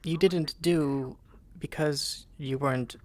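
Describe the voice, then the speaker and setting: A man talking casually in character during an online roleplay, halting and repeating words as he restarts. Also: on the high side, steady tone.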